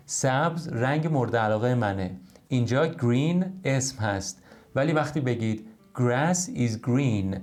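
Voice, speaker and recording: A man teaching an English lesson, explaining grammar patiently and repeating words slowly for practice. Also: mid-range voice, a little mellow.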